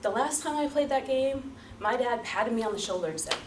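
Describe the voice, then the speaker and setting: Recorded from afar in a room before an audience, this female public speaker tells a rehearsed dramatic story in a fairly high voice. Her intonation is very lively, and her delivery is theatrical and emphatic, built on purposeful repetition and pauses. There's a roomy quality and a little background noise.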